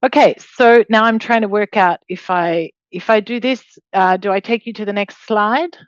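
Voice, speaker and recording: A middle-aged Australian law professor, raised in Hong Kong, gives a guest webinar lecture in a conversational, explanatory style full of hedging asides. Her voice is mid-range at a normal speed, and the recording is muffled but free of echo.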